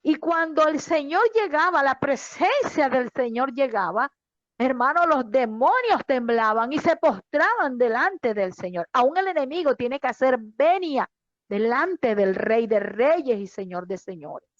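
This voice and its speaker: Woman pastor preaching, high voice, dry dull-sounding recording, calls out to the church a lot. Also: animated, unhurried, no room sound. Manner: fervent preaching, addressing the congregation directly. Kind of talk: sermon. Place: online church service.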